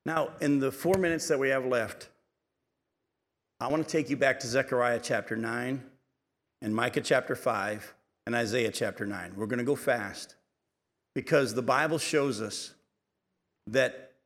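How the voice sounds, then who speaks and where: A man's voice: medium pitch, unhurried, long pauses, a bit bright. A male pastor delivering a sermon, asking the congregation rhetorical questions and building in intensity. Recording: long hall reverb.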